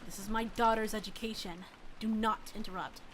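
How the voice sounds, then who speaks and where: A woman's voice: mid-range voice, fairly even intonation, brisk, a bit bright, slight background noise, close to an everyday voice. A woman voicing a stern, harsh mother in an amateur visual novel read. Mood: cold, stern. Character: stern, harsh mother scolding her daughter.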